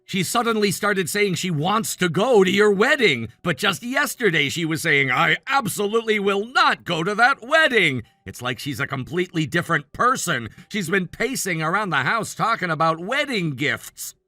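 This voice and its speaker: A man's voice: high voice, big pitch swings, moderate pace, hardly any pauses, pushed and bright, dry recording, clean studio sound, soft background music, heavily acted. A man playing an exasperated, put-upon brother in a family drama, earnest and complaining. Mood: puzzled. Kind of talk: acted dialogue in a narrated family drama.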